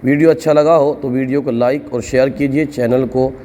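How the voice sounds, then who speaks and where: A man teaching Quran reading, patiently drilling short syllables one by one in a measured lesson. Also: medium pitch, fairly even intonation, warm tone, in a large hall, slight background noise. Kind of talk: slow instructional recitation lesson.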